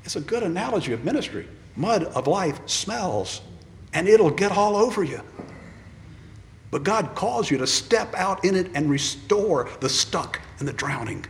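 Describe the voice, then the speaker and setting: A man preaches an earnest ordination sermon in a high, gravelly, very animated voice, taking his time. He returns to his refrains and performs quoted voices, and the big church's long reverb comes with slight background noise.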